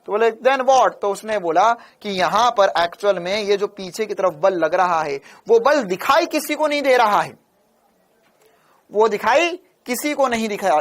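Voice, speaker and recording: A man teaching physics in a casual classroom lecture, telling playful stories, repeating key terms and quizzing his listeners. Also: high-pitched. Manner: playful storytelling.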